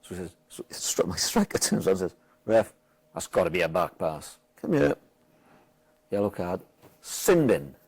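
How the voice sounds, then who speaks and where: A man's voice: low voice, normal speed, husky. A Welsh man, a football manager, telling a match story in casual chat, swearing freely and acting out what people said. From Wales. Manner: animated, swears a lot, acts out quotes loudly.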